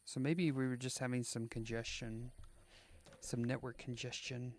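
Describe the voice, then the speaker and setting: A man's voice: mid-range voice, level tone, normal speed, slight background noise. A man chatting casually while live-streaming a game, rambling and joking as he thinks aloud, often restarting his sentences.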